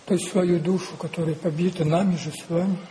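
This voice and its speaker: A man preaching a sermon, deliberate and repetitive, posing rhetorical questions and answering them himself. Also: high voice, steady tone, dark tone, slight background noise, rough recording.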